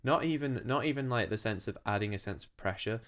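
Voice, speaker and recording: A young man reflects earnestly in casual podcast talk, circling back and repeating himself as he works out his thoughts. His voice sits very low. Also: fast talker, fairly bright tone. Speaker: podcast co-host. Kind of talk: casual chat.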